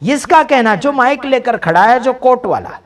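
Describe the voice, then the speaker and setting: A man's voice: very high voice, lively intonation, moderate pace, background noise. A man giving emphatic, preaching-style commentary over video clips, repeating phrases for stress. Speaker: video commentator for a healing ministry.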